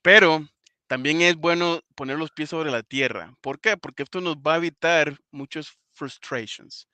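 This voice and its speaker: A man's voice: fairly high pitch, moderate pace, sharp tone, smooth, no echo. A man hosting a live English class, stressing his points by repeating them. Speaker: English teacher and host.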